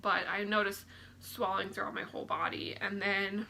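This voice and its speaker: A woman's voice: medium pitch, completely flat delivery, normal speed, gravelly, pushed and bright, rough recording. A young woman chatting casually in a vlog, a little out of breath, with lots of "like" and "um" fillers. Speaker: vlogger. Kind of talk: casual pregnancy update vlog.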